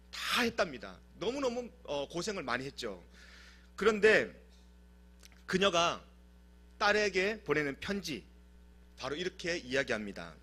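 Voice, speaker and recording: Bright, animated Korean pastor preaching. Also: male voice, a little high. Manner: lively, conversational preaching addressing the congregation. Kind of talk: sermon.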